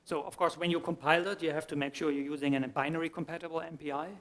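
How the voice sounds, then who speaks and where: A man's voice: a little high, fairly even intonation, racing, a bit bright. A man giving a conference talk, explaining his answers to audience questions and often restarting his sentences. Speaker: conference speaker. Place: conference hall.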